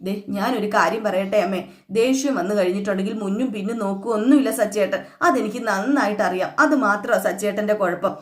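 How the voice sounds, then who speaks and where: A woman's voice: mid-range voice, quick pace, lightly acted. A woman voicing an earnest reassuring young woman. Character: earnest young woman comforting her mother. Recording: echoey room.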